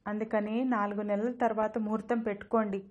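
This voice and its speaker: A woman's voice: medium pitch, little pitch movement, a little fast, a little mellow, lightly acted. A woman voicing a spirited, stubborn young daughter who has just become a mother, wheedling and headstrong in an audio storybook. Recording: dull lo-fi audio.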